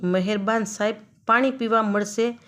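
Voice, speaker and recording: A woman's voice: mid-range voice, fairly even intonation, moderate pace, fairly bright tone, close to an everyday voice. A woman voicing a desperate, starving young village man who begs and pleads. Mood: timid. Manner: pleading and begging.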